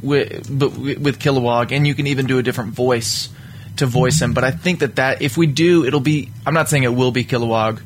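A man hosting a casual podcast chat, excitable and teasing. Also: medium pitch, a little fast, noisy background. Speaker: podcast host.

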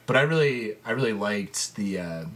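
A man co-hosting a podcast in casual chat, laid-back and quick to laugh. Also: fairly low pitch, lively intonation, a bit bright. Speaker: podcast co-host.

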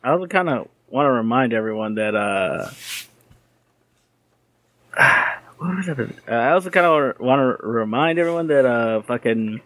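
A young man co-hosting a podcast, recapping casually with halting restarts and blunt swearing. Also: mid-range voice, lively intonation, a bit bright. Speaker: podcast co-host. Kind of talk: casual anime recap chat.

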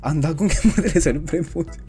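A man's voice: on the high side, a little fast, dark tone. A man with a Guatemalan accent co-hosting a casual podcast, talking in laid-back slangy banter with swearing. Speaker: podcast co-host.

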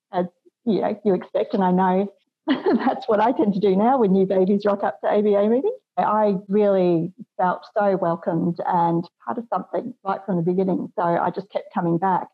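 A woman's voice: medium pitch, narrow, tinny audio. A woman, reflecting earnestly in an interview. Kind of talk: casual interview chat.

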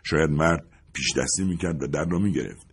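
A man reading a story aloud as narrator, in an expressive, measured way. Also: rumbling low, husky.

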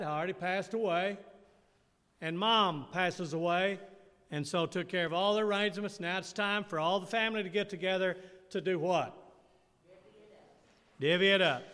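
A man with a high, bright, forceful voice delivers an interactive sermon and keeps firing questions at his listeners. His words ring out with a long reverberant tail from the hall. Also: clean tone. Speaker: preacher.

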